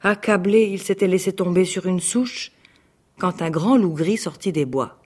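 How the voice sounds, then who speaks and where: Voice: medium pitch, moderate pace. An actor reading a fairy tale aloud on radio, rhythmic and chant-like on the refrains. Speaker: actor reading a childhood book. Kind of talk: storybook narration. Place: radio studio.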